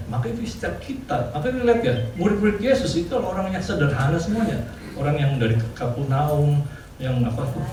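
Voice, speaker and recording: Pastor guy preaching casual, laughs a lot, lively up and down voice, far off mic, big echo. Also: high-pitched, slight background noise. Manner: chatty, laughs often, frequent fillers. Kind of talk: casual conversational sermon. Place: church hall. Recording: distant mic in echoey church hall with faint ambience.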